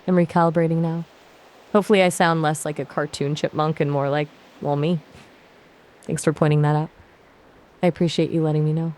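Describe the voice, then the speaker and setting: A synthetic woman's voice chats as an AI gaming companion. She is upbeat and polite, with a slightly low pitch. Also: flat delivery, fairly quick, long pauses, darkish tone. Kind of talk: casual chat.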